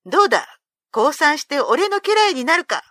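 A woman's voice: high voice, sing-song, normal speed, bright, forceful tone, dry recording, studio quality, heavily acted. A woman voicing a bold, boastful young male warrior in a read-aloud folk tale, with a teasing, commanding manner. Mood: cocky.

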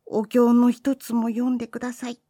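A woman's voice: high voice, unhurried, warm tone, no echo, studio quality, pitched above the performer's own voice. A woman doing a sly little temple boy, faintly pleading. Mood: feeble pleading.

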